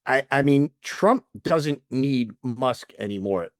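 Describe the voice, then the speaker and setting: A man co-hosting a political podcast, talking bluntly in casual chat with many halting restarts. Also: mid-range voice, lively intonation, dry recording, clean studio sound. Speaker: podcast co-host.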